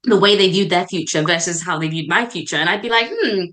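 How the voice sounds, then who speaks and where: A woman's voice: on the low side, fast talker, a bit bright. A young woman from Zambia, a doctor guesting on a podcast, talking in an earnest, encouraging and reflective way with frequent "um"s and "like"s. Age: young adult. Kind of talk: casual podcast conversation.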